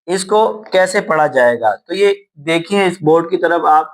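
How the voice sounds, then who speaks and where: A man teaching a beginners' Quran reading lesson, patiently explaining the vowel marks and drilling each syllable slowly and clearly. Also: on the high side, lively intonation. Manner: drawn-out drilled recitation of letter sounds. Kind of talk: tajweed lesson for children and beginners.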